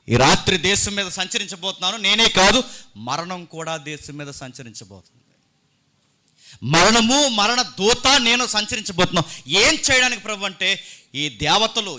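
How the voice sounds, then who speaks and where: A man's voice: sits high, pushed and bright. A man preaching a sermon, emphatic and full of rhetorical questions, reading scripture aloud to his congregation. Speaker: pastor.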